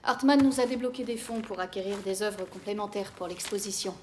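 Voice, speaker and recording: An actress playing a poised, cultured European art expert, polite and composed in film dialogue. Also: female voice, medium pitch, fairly quick, slight background noise, lightly acted.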